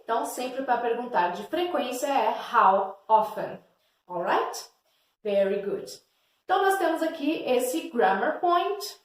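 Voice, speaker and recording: A woman whose first language is Portuguese teaching an English lesson, slow and patient, checking in with "yes?" and "ok?" again and again. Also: fairly high pitch. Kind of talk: recorded online lesson. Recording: echoey room, distant mic.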